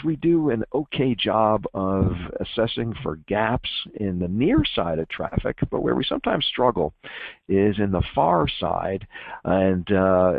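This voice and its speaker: Male presenter, low-ish voice, filler-heavy, wry jokes; dry, phone-thin audio. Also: creaky, no echo. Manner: frequent fillers, self-deprecating jokes. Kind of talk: technical presentation. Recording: tinny phone-like line, dry.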